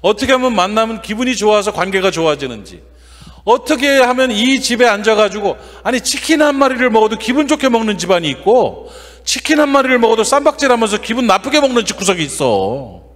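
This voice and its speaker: High, lively male preacher in reverberant church. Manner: folksy, lively, quizzes the congregation with quick questions. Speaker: guest pastor. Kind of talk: revival sermon. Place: church sanctuary.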